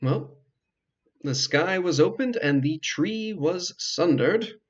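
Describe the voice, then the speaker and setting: Speaking slowly and expressively, this let's play host casually comments on his playthrough in a slightly rough voice on the high side. Game music plays underneath, and the recording is a bit muffled.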